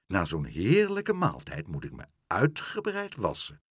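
A man's voice: low-pitched, huge pitch swings, unhurried, breathy edge, dry recording, studio quality, voice pushed down, heavily acted. A man voicing a sly, boastful tomcat in a children's storybook reading. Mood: smug teasing. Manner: smug, teasing.

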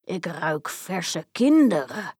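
A woman doing a slow, booming storybook giant. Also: very animated, darkish tone, slightly rough, no room sound, clean studio sound, full character voice. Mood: menacing. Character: huge hungry male giant, booming.

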